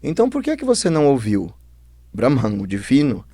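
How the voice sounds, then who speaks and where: A man with a Brazilian accent voicing a patient older spiritual master who teaches in a measured tone. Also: medium pitch, wildly swooping pitch, warm tone, no room sound.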